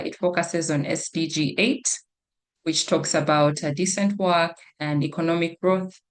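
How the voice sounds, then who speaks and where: A woman speaking very politely and formally, like a conference-call host, as she introduces an online roundtable session. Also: on the low side.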